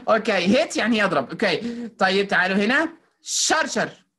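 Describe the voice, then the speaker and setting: A woman's voice: medium pitch, animated, moderate pace, fairly bright tone, husky. A woman with an Egyptian accent teaching phonics to children over a video call, coaxing and praising them and mixing in English words. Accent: Egyptian Arabic. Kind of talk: online class drilling children.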